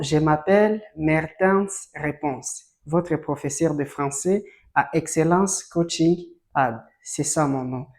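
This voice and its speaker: A language teacher running a syllable-reading lesson at an extremely unhurried pace, drawing out each sound. The teacher quizzes the class often and leads repeat-after-me drills. The voice sits at an ordinary middle pitch. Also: a little mellow. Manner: asks learners frequent questions. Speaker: French teacher.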